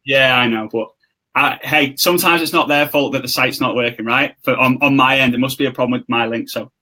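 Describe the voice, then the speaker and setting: A young man hosting a live stream, excitable and salesy, joking with his guest and pitching offers to viewers. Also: fairly quick. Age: young adult. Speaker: host. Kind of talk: casual live-stream chat.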